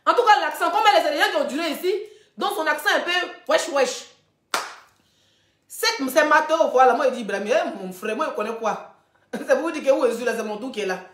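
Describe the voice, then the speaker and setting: A woman hosting a ranting gossip live stream, animated, laughing often and addressing her viewers directly. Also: high-pitched, quick pace. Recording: roomy echoey room.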